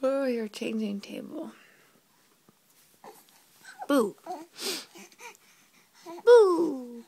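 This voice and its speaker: A woman's voice: sits high, sing-song, takes it slowly. A young woman talking to her baby at home in a sing-song baby-talk voice, filmed on a handheld phone. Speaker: parent filming her baby. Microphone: handheld phone camera.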